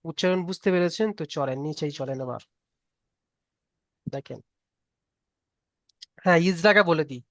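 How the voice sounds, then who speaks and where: A man's voice: fairly high pitch, normal speed, pauses often, fairly bright tone, no room sound, clean studio sound. A man teaching Quran reading rules in a live online class, patiently repeating each rule and asking students to recite. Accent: Bengali.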